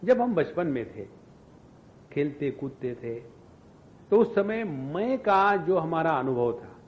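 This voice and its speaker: A man giving a scripture discourse as a spiritual teacher, animated, asking rhetorical questions and chanting mantras. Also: a little high, slow, dull audio, slight background noise.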